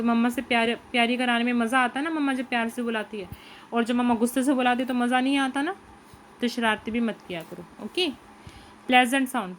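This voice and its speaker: In this poor-quality audio with a faint hiss or hum, a woman teaches young children a lesson. Speaking a little high, she reads each English line slowly, then puts questions to herself in Hindi and answers them.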